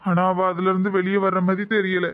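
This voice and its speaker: A woman voicing a kindly, grieving middle-aged father in a cartoon, speaking gently with a Tirunelveli Tamil accent. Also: fairly low pitch, flat delivery, fast talker, dry recording, natural voice. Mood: regretful. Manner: gentle, consoling. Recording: tinny phone-like sound.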